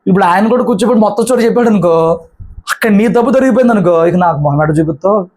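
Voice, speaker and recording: Male pastor with a high voice, emphatic colloquial sermon. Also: expressive, very fast, a little mellow. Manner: emphatic, colloquial, acts out the brothers' lines.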